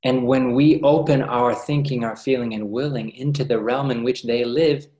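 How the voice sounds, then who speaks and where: A man giving a reflective spiritual talk to workshop participants, speaking in a gentle, unhurried, earnest way. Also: medium pitch, fairly even intonation. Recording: roomy echoey sound.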